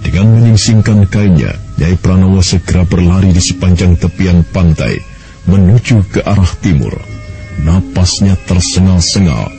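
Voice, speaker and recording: A man narrating a radio drama in a calm, measured storytelling voice. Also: deep voice.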